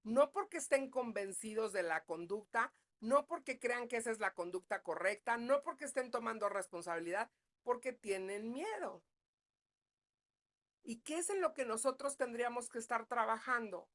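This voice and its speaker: A woman's voice: fairly high pitch, lively intonation, moderate pace. Woman, psychologist, parenting class, conversational, keeps checking in with listeners. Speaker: psychologist leading a parenting talk. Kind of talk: live online parenting class.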